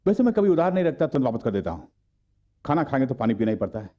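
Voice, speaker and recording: A man playing a bold young hero who lectures his elders in a stern, steady voice, mid-pitched and even. The film audio sounds dull and lo-fi. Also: rapid-fire, natural voice. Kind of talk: Hindi film dubbing.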